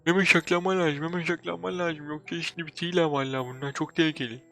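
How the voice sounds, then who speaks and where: A man voicing a nervous, obedient male henchman who talks in a hushed, hurried way during a game role-play. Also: on the high side, fairly even intonation, gravelly, faint music behind, pitched above the performer's own voice.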